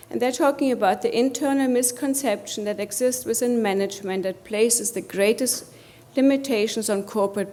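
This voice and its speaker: A woman from Germany with a German accent gives a motivational conference presentation, posing rhetorical questions to the audience. Her voice is medium in pitch and a little mellow.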